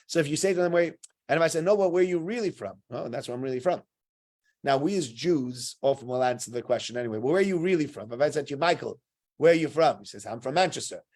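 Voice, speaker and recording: A man's voice: a little high, lively intonation, fast talker, a little mellow. A man teaching the weekly Torah portion to a small group, conversational and full of rhetorical questions. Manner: conversational, rhetorical questions, acts out quoted exchanges. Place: synagogue room with listeners.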